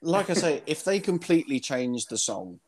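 A man's voice: a little high, sing-song, moderate pace, slight background noise. A man as a guest on a casual podcast, easygoing and a bit hesitant as he thinks aloud. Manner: easygoing, hesitant, laughs at himself. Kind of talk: casual chat.

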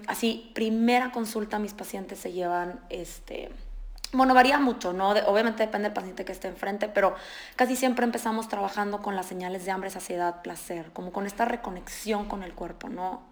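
A woman's voice: medium pitch, moderate pace. A woman nutritionist, explaining in casual podcast conversation and acting out her patients' words. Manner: animated, explanatory, acts out patients' quotes.

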